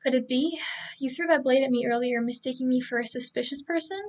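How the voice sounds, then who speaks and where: A woman's voice: sits high, quick pace, a little mellow, muffled recording, natural voice. A woman reading the lines of a forgetful, earnest teenage girl from a novel, in a hesitant, flustered manner.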